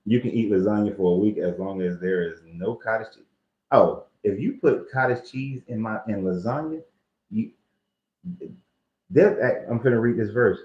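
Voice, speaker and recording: A man with a lowish voice gives loose, joking commentary on scripture, full of slang and the odd curse. He sounds like a laid-back host talking straight to his audience. The recording is roomy and echoey with a dull, lo-fi sound. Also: darkish tone.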